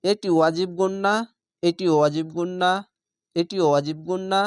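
A man teaching Quran reading, spelling out words letter by letter in a patient, measured, repetitive drill. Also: sits high, steady tone, clear, resonant tone, no echo, studio quality.

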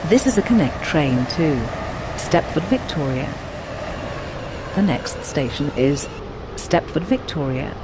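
A voice playing an automated on-board train announcer, giving formal subway-style announcements in measured, segmented phrases. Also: mid-range voice, very animated. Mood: calm, formal. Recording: noisy train carriage ambience. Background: train and vehicle noise.

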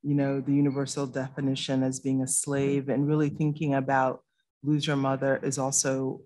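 A man on a panel, speaking in a reflective, measured way. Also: mid-range voice, monotone, a little mellow, poor audio. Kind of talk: panel discussion before an audience.

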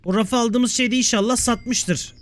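A man giving casual let's-play commentary, excitable and bantering, cursing at the game as he plays. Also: very high voice, moderate pace. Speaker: gameplay video creator.

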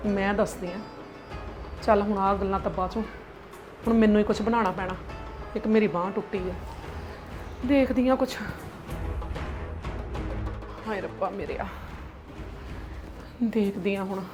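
A woman's voice: medium pitch, close to an everyday voice. A middle-aged woman playing an aggrieved mother-in-law in a family drama skit, lamenting and scolding dramatically. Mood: weary lamenting.

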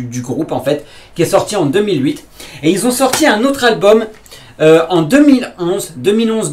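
A man's voice: sits high, darkish tone, slight background noise. A man talking casually to camera in a vlog, enthusiastic and rambling, full of fillers and repeated phrases. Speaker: vlogger. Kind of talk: casual unboxing vlog talk.

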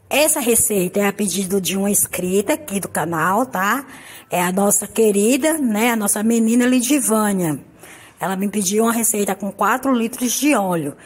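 A Brazilian soap-making channel host films a tutorial at her home kitchen counter with a phone camera on the table. Her mid-range voice is husky and hoarse from a cold, and she chats affectionately, often repeating "tá, gente?".

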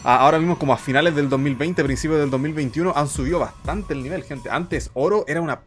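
A young man casting a strategy game replay in casual commentary, mock-solemn one moment and loudly disbelieving the next. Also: a little high, fast, faint music behind. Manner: excitable, mock-solemn, swings into loud disbelief. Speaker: game caster.

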